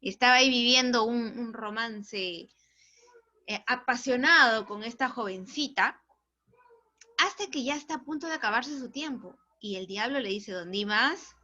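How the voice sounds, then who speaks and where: Bright-voiced woman teacher. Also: on the high side, moderate pace. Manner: animated, tags questions to students. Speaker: literature teacher. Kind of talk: storytelling lesson. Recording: dull lo-fi recording.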